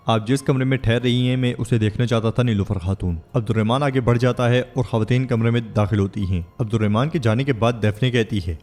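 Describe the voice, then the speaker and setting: A man's voice: mid-range voice, mellow. A man narrating a scripted recap of a drama episode, telling it steadily and reading each character's lines in his own voice.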